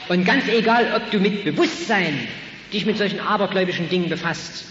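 A man preaching an evangelistic sermon, swinging between loud calls and quiet, earnest passages. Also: sits high, brisk, slight background noise. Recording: echoey hall, muffled old recording.

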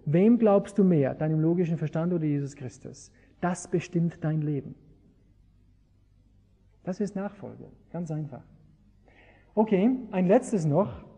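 A man's voice: a little high, warm tone, breathy edge, dull audio. Engaging preacher man in a reverberant hall. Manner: engaging, asks the audience rhetorical questions. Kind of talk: sermon.

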